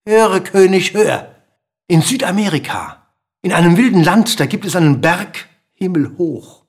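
Guy doing a little grey bird, hoarse and hissy, high and bossy, swoops all over. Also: full character voice. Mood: hissing, bossy. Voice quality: hoarse, hissing. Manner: insistent, lecturing, bossy. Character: small grey pushy hissing bird. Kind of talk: storybook reading.

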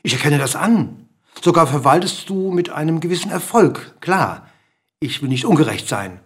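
A man voicing a small grey bird in a storybook reading, with a hoarse, hissing, bossy manner. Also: on the high side, expressive, moderate pace. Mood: coaxing, lecturing. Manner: insistent, lecturing, bossy.

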